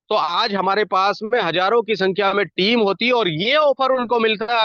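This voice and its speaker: High-voiced man giving a persuasive sales pitch. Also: sharp tone, no echo. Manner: persuasive, repetitive, emphatic. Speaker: network marketing team leader. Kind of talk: motivational business talk. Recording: dull, dry lo-fi sound.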